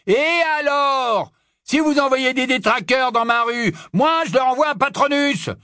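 A man voicing a gruff old male barman who is defiant and scornful, shouting and mocking. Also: high voice, normal speed, dry recording, studio quality, voice pushed up. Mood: furious.

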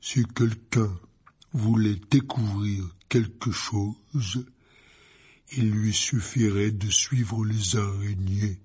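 A man voicing a huge, hot-tempered shaggy gamekeeper who bellows in slow, emphatic words. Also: on the low side, a little mellow, breathy edge.

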